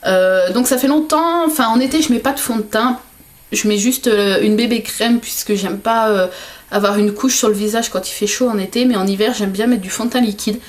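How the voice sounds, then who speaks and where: A woman's voice: fairly high pitch, brisk. A woman vlogger chatting casually while unboxing gifts, hesitant and full of fillers. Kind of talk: casual gift unboxing vlog.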